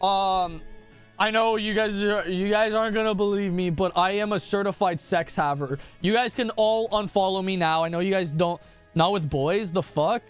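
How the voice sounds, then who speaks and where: Young male streamer, high-pitched, talks in foul-mouthed rambling tangents over soft music. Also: moderate pace, clean tone. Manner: crude, rambling, profane storytelling. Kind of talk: casual chat.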